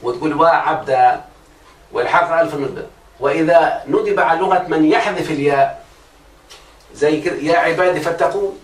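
A man's voice: a little high, fairly quick. A man with an Egyptian Arabic accent teaching a religious grammar lesson, constantly quizzing his students on whether they follow. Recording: echoey room, far from the mic, faint noise.

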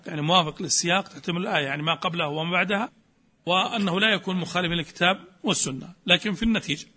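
Fast, bright-voiced male lecturer. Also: high-pitched. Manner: asks rhetorical questions and answers them himself. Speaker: teacher of Quranic studies. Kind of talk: scholarly lecture.

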